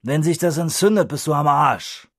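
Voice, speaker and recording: A man's voice: a little high, expressive, normal speed, no echo, studio quality. A man voicing a boisterous, mocking drunkard in an audiobook reading, with a brash, raised voice.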